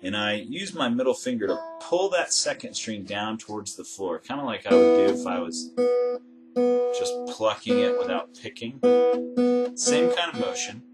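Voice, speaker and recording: A man giving a methodical, step-by-step guitar lesson as a teacher, explaining in a measured way. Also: fairly low pitch, sing-song. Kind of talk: instructional demonstration with step-by-step explanation. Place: indoor room with instruments. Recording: acoustic guitar playing around the voice. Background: acoustic guitar notes and plucking.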